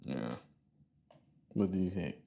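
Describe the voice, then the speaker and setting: A man's voice: low voice, lively intonation, takes it slowly, vocal fry, mellow. Man, podcast co-host, laid-back, teasing, casual chat.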